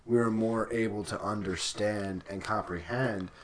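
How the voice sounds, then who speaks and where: A young man co-hosting a casual podcast, explaining things in a relaxed way with dry teasing. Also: on the low side, unhurried, slight background noise. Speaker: podcast co-host.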